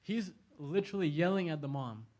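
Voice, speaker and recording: Guy giving a laid-back religious talk to kids, kinda high voice, gets animated, laughs a lot. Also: a little fast. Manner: conversational, animated, laughs often. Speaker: lecturer at an Islamic center. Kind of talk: casual talk to a youth audience. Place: large indoor hall.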